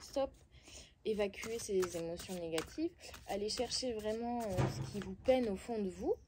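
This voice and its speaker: In an informal oracle card reading, a Belgian French-accented woman speaks directly to viewers at a moderate pace and medium pitch, with background noise audible. She hesitates a lot while giving advice that coaxes but doesn't soften its bluntness.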